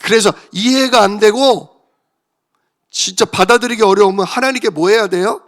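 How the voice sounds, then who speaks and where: A male pastor preaches in a church, speaking in a conversational way and often putting questions to his listeners. His voice sits a little high and has a gravelly rasp. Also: moderate pace, fairly bright tone. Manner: conversational, asks the congregation questions. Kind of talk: sermon.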